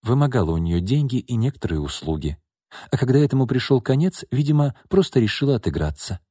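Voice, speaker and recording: A man voicing a young heiress who speaks quietly and calmly, in a read-aloud audiobook. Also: mid-range voice, fast, husky, no room sound, studio quality, voice pushed up. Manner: quiet, calm and even. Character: calm, quiet young heiress, composed and resolute.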